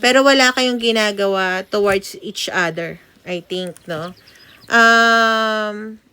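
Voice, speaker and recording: Young woman, casual tarot reader, chatty with tag questions, medium pitch. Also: takes it slowly, sharp tone, clean tone. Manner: chatty, tag questions, mixes English into Filipino. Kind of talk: casual spoken tarot reading.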